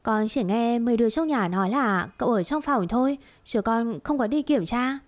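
A woman's voice: expressive, moderate pace, lightly acted. A woman voicing a young female servant girl in a storybook reading, anxious one moment and feisty the next. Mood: pleading. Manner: high-pitched pleading and shrill scolding.

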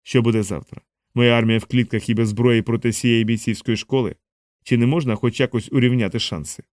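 Bitter boy commander, worn out, subdued, man reading, mid-pitched voice, dry recording. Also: fairly even intonation, a little fast, darkish tone, no echo, lightly acted. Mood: defiant.

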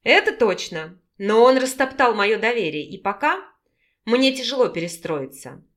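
A woman's voice: a little high, animated, normal speed, a bit bright. A guarded young heroine, fierce and firm, read by a woman. She answers in short, curt lines. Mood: tense.

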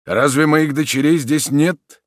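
A proud military father bursts out in anguish and rage, voiced by a man reading aloud. His voice climbs loud and strained, close and dry. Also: on the high side, steady tone, measured pace, no echo, voice pushed up, close to an everyday voice. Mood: troubled. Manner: anguished, shouting. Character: grieving middle-aged marshal, a proud angry father.

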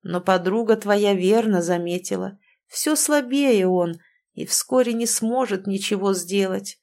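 A kindly old grandfather speaks softly and unhurriedly in an audiobook, voiced by a woman reader. His voice is mellow and sounds tender, and it turns grave when he gives a warning. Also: medium pitch, a little slow, natural voice. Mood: serious. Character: gentle old grandfather, warm and wise.

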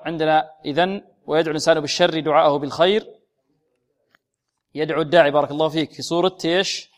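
A middle-aged man teaching Quran recitation to a class, with a voice pitched a little high. He asks a question and answers it himself, then recites words slowly to show how they are read. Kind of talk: tajweed lesson with recitation.

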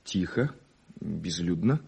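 A man's voice: low-pitched, animated, slow pace, creaky, mellow, husky, heavily acted. A man playing a puzzled young detective's assistant in an old radio play, tentative and obedient. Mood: musing, tentative. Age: young adult.

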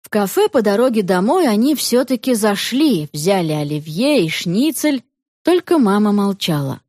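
Expressive woman reading an audiobook story. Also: mid-range voice, moderate pace, no echo, studio quality. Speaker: narrator.

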